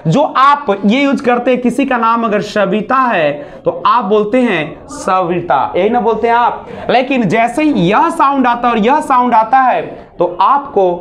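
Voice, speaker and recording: A man's voice: extremely high pitch, lively intonation, a little slow, fairly bright tone. A man teaching a basic spoken English class. He demonstrates sounds aloud, mixes English phrases into his speech and asks rhetorical questions. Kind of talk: classroom lesson.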